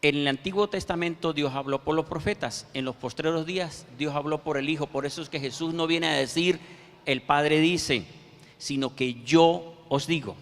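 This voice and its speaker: A man preaching a sermon, quoting scripture verses with slow, emphatic pauses. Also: fairly high pitch. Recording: reverberant hall.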